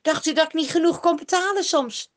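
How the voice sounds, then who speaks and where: A woman doing a shrill, wailing desperate king. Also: fairly quick. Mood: reproachful. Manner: wailing, high and loud. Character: desperate pagan king, man, pleading and shrill.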